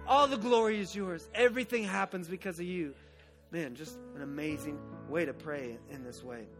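A male pastor preaching a sermon, saying y'all often and swinging between loud emphasis and hushed lines. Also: on the high side, moderate pace, over music. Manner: folksy, says y'all often.

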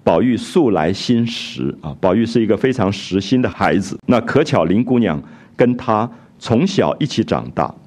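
A man voicing a gentle older aunt who soothes the family, read out plainly in his own low voice. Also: expressive, moderate pace. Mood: soothing.

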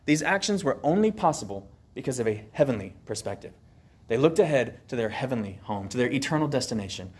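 Husky, animated male preacher. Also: medium pitch, quick pace. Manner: animated, reads scripture aloud with emphasis. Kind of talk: sermon.

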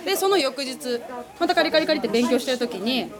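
A woman guest telling a spooky personal story in a casual, animated way, often laughing as she talks. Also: sits high, fairly quick, crowd noise.

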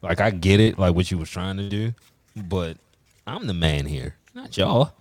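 A man co-hosting a casual sports talk show, animated and emphatic, often repeating himself. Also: low voice, moderate pace, no echo. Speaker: podcast co-host.

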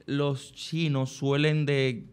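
A man, calmly explaining the culture shocks he ran into abroad. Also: medium pitch, drawn-out words, clear, resonant tone. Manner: explanatory, recounts experiences abroad. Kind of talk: casual chat.

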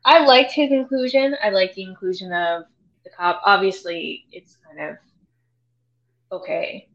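A woman co-hosting a podcast, chatting about a movie in a relaxed way and often chiming in to agree. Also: mid-range voice, unhurried, lo-fi sound. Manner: relaxed, agreeable, chimes in with short affirmations. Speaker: podcast co-host. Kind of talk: casual movie discussion.

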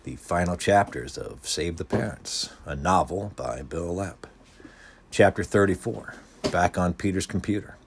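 A man's voice: sits low, a little slow, vocal fry, noisy background. A man reading a novel aloud to his listeners, addressing them directly before the chapter. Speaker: audiobook reader.

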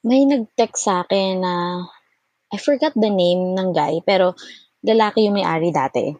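Husky-voiced Filipina woman telling a story. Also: a little slow, no echo, lo-fi sound. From Philippines, Cavite. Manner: animated storyteller, acts out quotes with sharp pitch jumps and laughs. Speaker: podcast co-host. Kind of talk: casual chat, Taglish storytelling.

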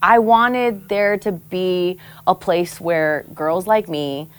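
A woman from Samoa with a notably low speaking voice tells personal stories as a podcast guest. She is candid and animated, laughs easily and drops casual swears without hesitation. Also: slow pace, smooth. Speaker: guest, former show host. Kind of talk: candid conversational storytelling.

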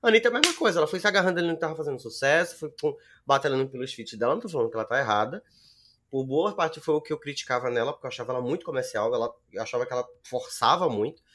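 A man's voice: medium pitch, animated, rapid-fire, fairly bright tone, a little hiss or hum. A man with a Brazilian Portuguese accent hosting a casual podcast chat in a campy, slangy, emphatic way.

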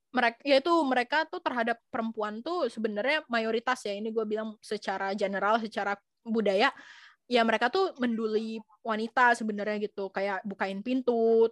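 A woman's voice: fairly high pitch, fairly even intonation, moderate pace, no echo. A young woman chatting casually and telling stories, often acting out the voices of people she quotes. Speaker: guest sharing experiences abroad. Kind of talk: casual chat.

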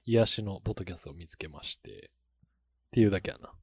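A man's voice: low voice, animated, fast talker, creaky, a little mellow, husky, no room sound, studio quality. A man co-hosting a casual podcast chat, rambling a little and chuckling often between thoughts. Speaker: podcast co-host.

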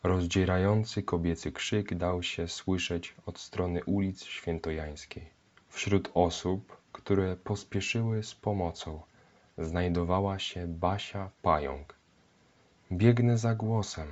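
Deep, slow-spoken male narrator. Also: darkish tone. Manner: measured, solemn reading. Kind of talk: scripted historical narration. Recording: dull lo-fi recording.

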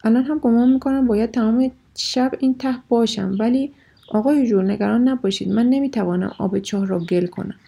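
A woman's voice: on the high side, gravelly, mellow, breathy edge. Woman doing a desperate man stuck down a well. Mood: anxious. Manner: desperate, calling for help. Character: man trapped at the bottom of a well, pleading.

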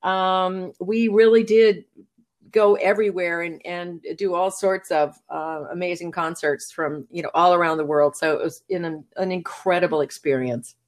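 In a relaxed interview, this New England voice actor, a middle-aged woman, answers with a low-ish voice, fairly even intonation and normal speed. Her replies are articulate yet chatty, peppered with restarts and laughter.

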